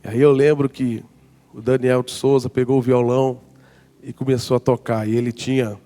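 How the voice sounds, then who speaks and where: A man in his forties, a pastor telling a personal story in a lively sermon. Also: mid-range voice, moderate pace. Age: 40s. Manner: lively storyteller acting out his own past reactions. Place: church conference hall.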